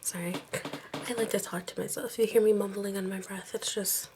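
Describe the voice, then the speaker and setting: A woman whispering softly and gently through a doctor exam roleplay, reassuring and close to the mic. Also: mid-range voice, fairly even intonation, brisk. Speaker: ASMR creator playing a doctor. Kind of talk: ASMR medical exam roleplay. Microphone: close microphone. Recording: noisy close-mic recording with clicks.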